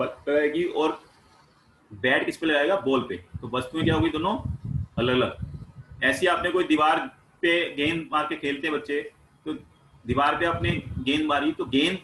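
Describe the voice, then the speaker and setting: Bright-voiced man teaching science. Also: on the high side, slight background noise, low-quality recording. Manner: asks questions and answers them himself; plain everyday explanations with household examples. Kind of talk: explaining a class 9 worksheet.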